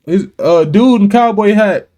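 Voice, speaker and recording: A man co-hosting a casual anime podcast, chatting laid-back and throwing in quick agreements. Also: sits high, warm tone. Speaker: podcast co-host. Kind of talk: casual anime recap chat.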